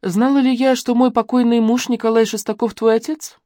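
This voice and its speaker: A woman's voice: fairly high pitch, level tone, brisk, mellow, dry recording, studio quality, pitched above the performer's own voice, lightly acted. A woman reading an audiobook and voicing a cold, mocking middle-aged widow who speaks curtly. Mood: weary. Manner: cool, curt, mocking. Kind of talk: audiobook dialogue.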